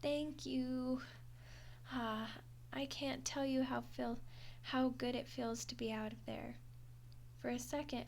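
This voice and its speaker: Speaking straight to the listener in an audio roleplay, a woman acts a high-pitched skeleton girl who is friendly and awkward. She takes her time, stumbling hesitantly through wry, chatty excuses in a hesitant, wryly defensive manner. Some background noise is present.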